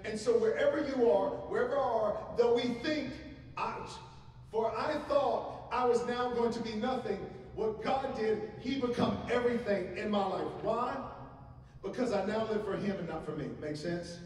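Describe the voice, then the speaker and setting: Middle-aged guy preaching, high voice, chatty q's to the crowd, big echoey church hall, a bit far from the mic. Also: moderate pace, darkish tone, slight background noise. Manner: conversational, asks the congregation questions. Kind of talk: sermon. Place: church stage at a pulpit. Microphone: handheld microphone.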